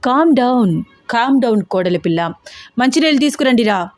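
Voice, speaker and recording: A woman's voice: a little high, animated, dry recording, studio quality, natural voice. A woman voicing a menacing middle-aged male gang boss who sneers and gives orders in a storybook reading. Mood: commanding. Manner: sneering, commanding, slow and taunting.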